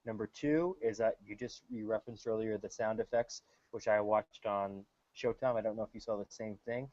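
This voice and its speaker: A man's voice: fairly low pitch, fairly even intonation, moderate pace, darkish tone. Man hosting sports podcast, enthusiastic, swears, dull lo-fi sound. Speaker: podcast host. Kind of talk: casual sports chat. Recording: dull lo-fi audio.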